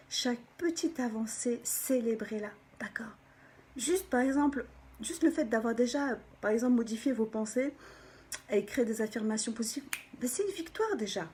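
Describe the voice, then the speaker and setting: A woman, a personal development coach, gives an animated motivational talk to viewers, often checking in with them and sometimes dropping into a soft whisper for emphasis. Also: fairly high pitch, breathy edge. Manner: animated, keeps checking in with the listener.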